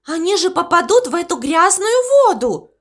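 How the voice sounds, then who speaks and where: A woman voicing a lively, caring female guinea pig in a storybook reading, bright and eager. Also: extremely high pitch, moderate pace, pitched above the performer's own voice.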